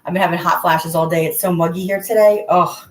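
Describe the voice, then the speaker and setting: A woman's voice: fairly low pitch, fairly even intonation, a little fast. A woman hosting a casual, chatty livestream from an echoing bathroom, greeting viewers as she goes. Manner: chatty, addresses viewers by name. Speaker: livestream host. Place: indoors, in a bathroom. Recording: echoey bathroom, clear background noise.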